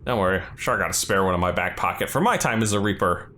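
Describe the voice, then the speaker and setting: A man's voice: sits low, fast, pushed and bright, slight background noise. A man doing casual let's play commentary, with informal, slangy asides. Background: game music behind the voice.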